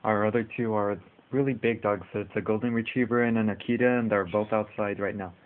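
A man's voice: on the low side, steady tone, fairly quick. A man hosting a casual video at home, talking to his dogs in affectionate puppy talk. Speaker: video host. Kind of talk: casual vlog talking to pets. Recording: tinny phone-like lo-fi audio.

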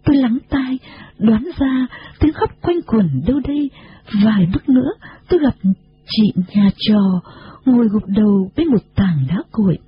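Expressive female storybook narrator, dramatic, slightly high, lo-fi. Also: moderate pace. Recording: dull lo-fi recording.

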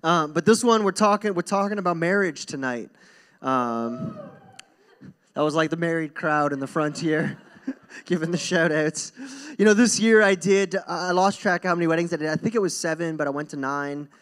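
Standing on stage in a church hall with a handheld mic, a young pastor addresses his congregation in a relaxed, sincere, conversational sermon, driving points home by repeating phrases. His fairly high voice is clear, resonant, and fairly bright, at a moderate pace.

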